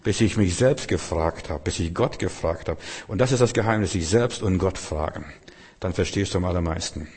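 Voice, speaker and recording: A man delivers a rambling sermon, stumbling over and repeating words as he tells his story. His voice is low and husky. A long hall reverb trails behind every phrase. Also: normal speed, a little mellow. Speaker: preacher.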